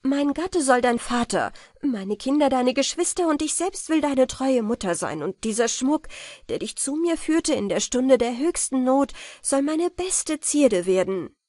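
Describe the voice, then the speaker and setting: Brief: woman reading a noble countess, high voice, formal old-fashioned speech, emotional. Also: lively intonation, moderate pace, a little mellow, no echo, studio quality. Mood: moved.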